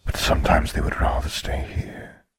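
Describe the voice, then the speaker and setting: A man voicing Death, a polite skeleton in a robe, in a soft, breathy whisper with an unhurried, dry manner. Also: no echo, lightly acted. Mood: calm, wry. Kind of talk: audiobook character voice.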